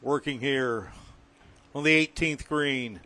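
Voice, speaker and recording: A man doing live golf commentary in a measured announcer's style, delivered phrase by phrase. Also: mid-range voice, pushed and bright.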